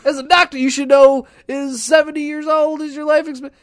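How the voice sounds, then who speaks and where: A man putting on a high, cranky voice to mock a grumpy middle-aged TV doctor who smokes. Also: level tone, fairly quick. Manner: shrill, exaggerated, cranky.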